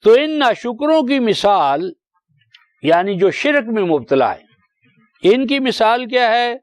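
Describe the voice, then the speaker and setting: An older man in his seventies delivers a Quran commentary lecture in a high, thin voice. He explains each word patiently, keeps asking rhetorical questions and draws out verses in slow recitation. The sound is dry and close, with no room around it. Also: very animated, dry recording. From Pakistan. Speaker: Quran teacher.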